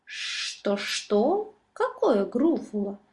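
A woman voicing a sly, hungry snake who talks in a soft, coaxing, hissing whisper. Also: a little high, sing-song, extremely slow, exaggerated voice.

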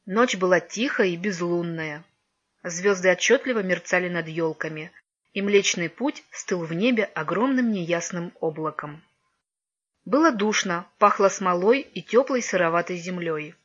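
A woman narrating a children's story in an even, measured reading voice, on a dull lo-fi recording. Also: lowish voice, slightly rough. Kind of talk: audiobook narration.

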